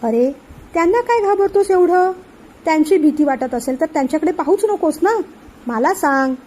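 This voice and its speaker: A woman's voice: extremely high pitch, animated, moderate pace, darkish tone. A woman reading the part of a caring middle-aged aunt who coaxes affectionately. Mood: coaxing. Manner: coaxing, affectionate.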